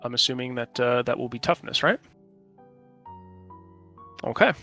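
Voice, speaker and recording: A man with a bright, mid-range, gravelly voice runs a tabletop role-playing game as game master, speaking expressively. He improvises the narration and explains the rules informally and haltingly while faint music plays behind him.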